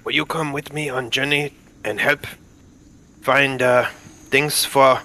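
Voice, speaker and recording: A man playing a solemn adventurer who speaks in halting, broken phrases in a tabletop game. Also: mid-range voice, steady tone, sharp tone. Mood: earnest. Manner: halting, broken grammar, earnest.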